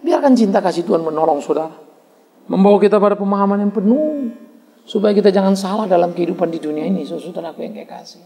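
A man preaching a sermon as a pastor, emphatic, with repeated refrains and sudden leaps in pitch. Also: quick pace, gravelly, mellow, big-room sound.

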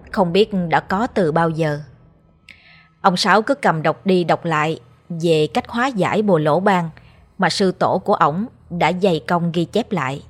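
A woman with a Southern Vietnamese accent narrating a ghost story in a steady, measured way. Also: fairly low pitch.

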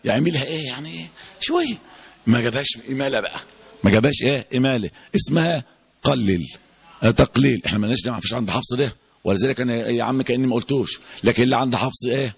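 A man with an Egyptian accent teaching a Quran recitation lesson, quizzing the class and drawing out example words slowly. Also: medium pitch, vocal fry, breathy edge. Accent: Egyptian Arabic.

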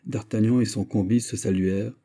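Male audiobook reader, low dark voice, animated character dialogue. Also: moderate pace. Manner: lively, voices characters with raised pitch. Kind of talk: scripted narration with acted dialogue.

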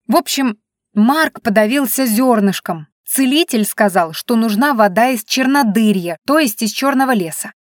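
A woman voicing an impatient, indignant young heroine on a quest, loud, insistent and exasperated, read as an audiobook. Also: on the high side, expressive, moderate pace, few pauses, no room sound, clean studio sound, lightly acted. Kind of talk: audiobook reading.

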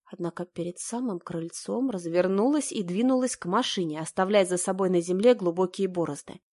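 A woman's voice: fairly low pitch, brisk, darkish tone. A woman narrating a first-person audiobook in a dramatic, emotional reading.

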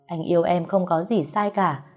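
Earnest young man confessing, voiced by a woman narrator; slow, low and mellow, soft music behind. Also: natural voice.

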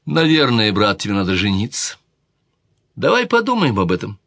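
A man's voice: on the low side, huge pitch swings, normal speed, vocal fry, fairly bright tone, dry recording, studio quality, heavily acted. A man voicing a pleading young princess. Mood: persuasive. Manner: pleading, persuasive. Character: young princess, worried, insistent sister. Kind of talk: audiobook reading.

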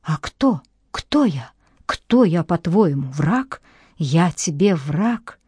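A woman's voice: fairly low pitch, very animated, slow, mellow, husky, no echo, full character voice. A woman reading the part of a young woman in love, speaking emotionally and pleading. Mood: hurt, pleading.

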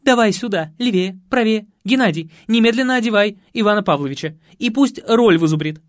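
Man doing a high shrill society lady, loud and frantic, barking orders, dry close sound. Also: animated, fairly quick, no echo. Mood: bossy. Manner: frantic, scolding, yelling orders. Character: shrill bossy middle-aged society lady. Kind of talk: audiobook character voice.

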